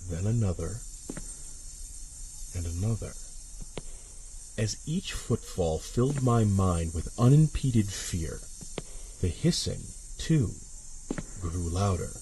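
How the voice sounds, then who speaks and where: A deep-voiced man tells a horror story in the first person, animated, dramatic and suspenseful. His measured delivery drops into hushes and rises into intense swells, on a rough recording with slight background noise.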